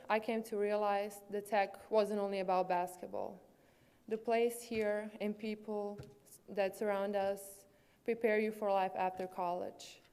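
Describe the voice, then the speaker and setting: A young woman from Serbia speaks with a Serbian accent, her voice smooth and clear. She delivers an earnest prepared speech as a student athlete, hesitating on fillers and talking around a swollen lip. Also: mid-range voice, darkish tone. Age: 20s.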